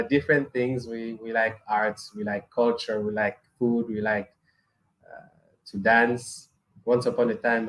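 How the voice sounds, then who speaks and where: The recording is low quality, and the man's medium-pitched voice has a fairly bright tone. A middle-aged Cameroonian, he hosts a weekly live space engineering broadcast and chats casually with viewers, hesitating, restarting, using fillers and chuckling often.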